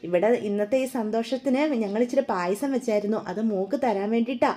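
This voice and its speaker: A woman's voice: mid-range voice, quick pace, warm tone, lightly acted. A woman voicing a fond, doting older mother-in-law in a serial retelling, in an affectionate, fussing way.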